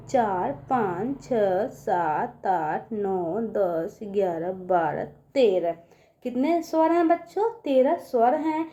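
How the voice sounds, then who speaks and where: A woman's voice: high voice, warm tone, muffled recording. A woman teaching children, patient and repeating her points often. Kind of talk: children's lesson.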